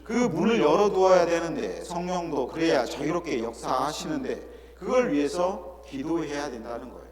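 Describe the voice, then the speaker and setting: A middle-aged male pastor preaching an earnest sermon, often asking rhetorical questions and dropping into softer asides. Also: on the high side, lively intonation, normal speed, hardly any pauses, a loud crowd. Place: church sanctuary. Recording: echoey church hall with congregation.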